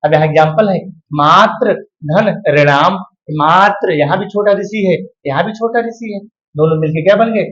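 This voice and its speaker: Male tutor, patient drawn-out explanations, muffled lo-fi sound. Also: high-pitched, a bit bright. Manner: drills words slowly syllable by syllable, addresses viewers as dear ones. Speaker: Hindi grammar teacher. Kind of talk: video lesson. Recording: dull lo-fi sound.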